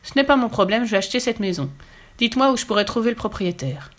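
A woman voicing a pompous, greedy rich gentleman who talks down to children in a storybook reading. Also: fairly high pitch, lively intonation, fast talker. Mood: scornful. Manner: curt and dismissive.

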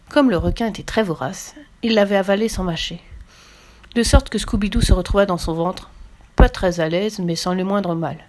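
A woman's voice: medium pitch, a little hiss or hum. French woman reading a children's story. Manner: steady, expressive reading. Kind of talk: children's story read aloud.

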